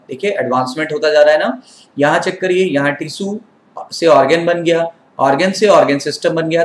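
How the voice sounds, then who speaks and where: An Indian man teaches a biology lecture, asking his class questions and answering them himself. His voice sits a little high for a man, and the room gives it a noticeable echo.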